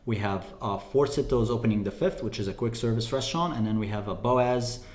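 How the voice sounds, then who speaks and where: A man from Lebanon, a company president, answering interview questions with frequent "uh" pauses. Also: lowish voice, a little mellow, roomy sound. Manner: hesitant, many "uh" fillers.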